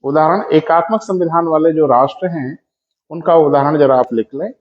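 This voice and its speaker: A male teacher giving a classroom lecture, calling his students "beta" and slowing down so they can take notes. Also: fairly high pitch. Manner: addresses students as "beta", dictating slowly. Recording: echoey dull classroom audio.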